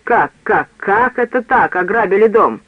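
A man's voice: high voice, lively intonation, unhurried, no room sound. A man voicing a furious, bullying military prosecutor who bellows threats in an audiobook. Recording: tinny phone-like dry sound.

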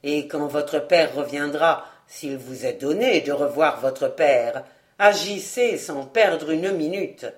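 A woman reading aloud, voicing an insolent male valet who speaks calmly and mockingly. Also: sits low, pitched below the performer's own voice. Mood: menacing. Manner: mocking, unhurried, calm.

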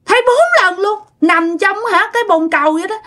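A woman's voice: extremely high pitch, expressive, a little fast, a bit bright, pitched above the performer's own voice. A woman voicing the ghost of a young child who was abandoned, reproachful and pleading. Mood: plaintive. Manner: childish whining, clingy and reproachful. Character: wronged ghost girl-child, sulky, whining, pleading. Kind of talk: storytelling.

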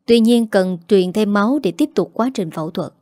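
A matter-of-fact male doctor, read by a woman narrator, urgent and professional. Her voice stays mellow. The sound is close and dry. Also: mid-range voice, normal speed, no room sound, natural voice.

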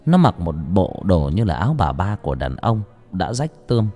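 Low-voiced man narrating a horror tale. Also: normal speed, soft background music. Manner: dramatic, expressive storytelling. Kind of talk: scripted audiobook narration.

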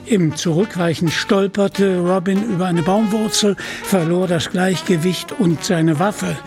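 A man narrating a radio story in a measured, dramatic way. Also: sits high, steady tone. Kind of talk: scripted audiobook narration. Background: music.

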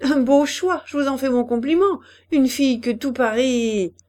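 A woman's voice: on the high side, sing-song, normal speed, mellow. Woman doing an indignant scolding society lady. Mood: angry. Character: sharp-tongued jealous society lady.

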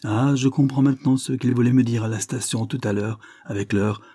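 A man voicing a frank, hearty retired colonel, older, in an audiobook reading, with an emphatic, lively delivery. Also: mid-range voice, a little fast, no room sound, clean studio sound, lightly acted.

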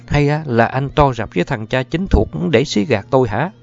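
Guy doing a shrill young mom, scolding fast, high voice, lo-fi. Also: expressive, gravelly. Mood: accusing. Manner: shrill scolding, rapid accusations. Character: angry distraught young mother, sharp-tongued. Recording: dull lo-fi recording.

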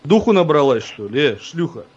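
Taunting prank caller on a lo-fi line. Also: male voice, a little high, big pitch swings, fairly quick, breathy edge. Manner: taunting, crude, mocking, laughs at his own insults. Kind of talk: abusive prank phone call. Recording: dull lo-fi phone audio.

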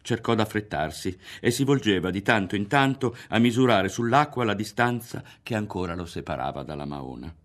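A man reading a literary novel aloud in a measured, expressive way, often dropping to a hushed tone. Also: lowish voice. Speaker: audiobook reader. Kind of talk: literary audiobook narration. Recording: faint music underneath.

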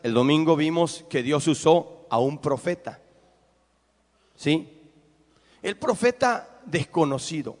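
A man's voice: a little high, animated, slow pace, long pauses, long reverb tail. A man with a Mexican accent preaching a sermon as a pastor, asking his congregation rhetorical questions. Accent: Mexican Spanish. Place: church.

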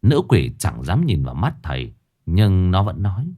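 Low, lively male ghost-story teller. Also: moderate pace, husky. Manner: lively, folksy, expressive.

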